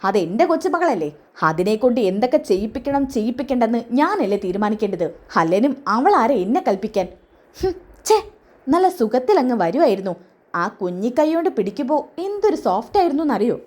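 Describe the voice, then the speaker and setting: A woman voicing a scheming, sharp-tongued middle-aged mother who mutters snide asides, in a retold serial story. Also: a little high, big pitch swings, fast talker. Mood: suspicious.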